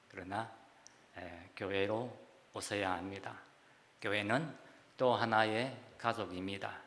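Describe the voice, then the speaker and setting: A middle-aged man from Gyeongsang with a Gyeongsang accent, preaching a sermon in a church and chatting warmly, often saying "ye" between phrases. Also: on the low side, a little hiss or hum. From South Gyeongsang, Korea. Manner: warm, chatty preaching with frequent "ye" fillers. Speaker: pastor. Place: church sanctuary. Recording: long hall reverb.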